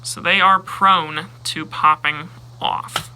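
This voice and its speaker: A man explains a toy's transformation step by step in a relaxed, unhurried way. His voice sits a little high for a man, and he pauses and mutters to himself as he works. A steady hiss runs under the recording. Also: rough recording. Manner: talks through steps while handling a toy, pausing and muttering. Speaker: toy reviewer. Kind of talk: casual toy review walkthrough.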